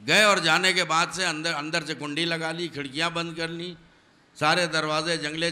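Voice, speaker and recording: A man's voice: on the high side, bright, forceful tone. A male preacher giving a religious sermon, emphatic and full of rhetorical questions, often asking the audience whether they are paying attention. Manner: addresses audience directly, demanding attention.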